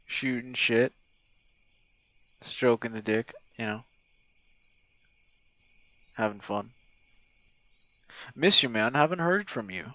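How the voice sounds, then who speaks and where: A young man, an online audio roleplay creator and streamer, leaves a relaxed, rambling message for a gamer friend, full of swearing and self-deprecation. His voice is medium-pitched, bright, and forceful, though the recording is muffled, with crickets and night sounds behind him.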